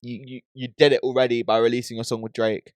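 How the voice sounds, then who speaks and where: A man's voice: mid-range voice, little pitch movement, fast talker, no echo. A British man hosting a podcast in casual, slangy chat, often tagging his points with "bro" or "yeah". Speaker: podcast host.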